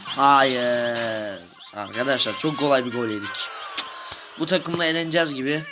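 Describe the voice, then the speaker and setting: A young man giving excitable live commentary over his own gameplay, shouting at goals and groaning at misses. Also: mid-range voice, moderate pace, background noise. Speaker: gaming video host. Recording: game music playing behind.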